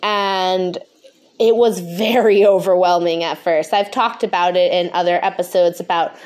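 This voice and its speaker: A woman's voice: lowish voice, fairly even intonation, moderate pace, darkish tone. A stoned woman podcast host talking casually and frankly, rambling, swearing freely and losing her thread.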